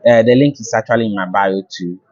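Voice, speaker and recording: Low-voiced man teaching French casually. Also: fairly quick, a little mellow, dull audio, slight background noise. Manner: explains with many fillers and repeats. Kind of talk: casual video lesson.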